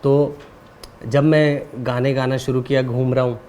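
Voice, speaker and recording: A man, a guest singer, talking in a relaxed, soft-spoken way in a casual interview, often checking in with the listener. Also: mid-range voice, measured pace, slight background noise. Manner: relaxed storytelling, often ending with a tag question.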